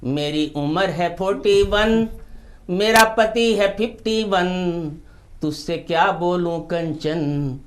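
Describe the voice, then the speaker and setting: A man singing as a fed-up married woman in her forties. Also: high voice. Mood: complaining. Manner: slow, sing-song melodic delivery. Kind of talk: sung comic poem.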